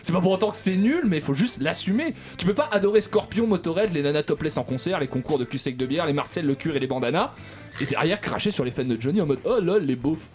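A man delivering a sarcastic comic column on a radio panel show, mocking and quick. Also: on the high side, expressive, darkish tone, faint music behind.

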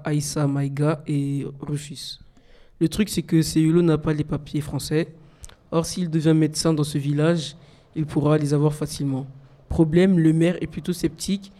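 A man's voice: on the high side, warm tone. A teenage boy reading his segment on a student radio show, recorded before an audience. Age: late teens. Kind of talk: reading a poem and a film review.

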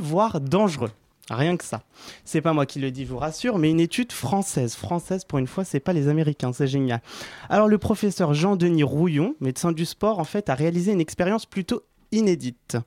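A man's voice: fairly high pitch, darkish tone, dry recording. A man giving a playful health column on the radio, chatty and joking, laughing often in a studio. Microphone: studio microphone.

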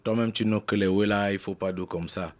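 A man, a guest rap artist in a radio studio interview, explaining with lively street-slang examples. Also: lowish voice, brisk. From Cameroon.

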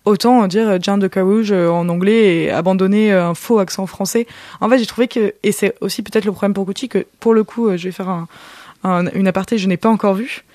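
A woman gives her opinion of a film in a relaxed chat, stopping often to search for words. Her voice sounds close and dry, with no room around it. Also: mid-range voice, no echo. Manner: hesitant, many pauses and fillers. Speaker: film critic. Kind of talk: casual film discussion.

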